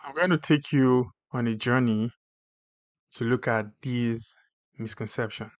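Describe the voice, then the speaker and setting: A man from Nigeria with a Nigerian accent, hosting his own podcast in a measured, deliberate way. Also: medium pitch, no echo. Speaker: podcast host. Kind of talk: scripted solo podcast talk.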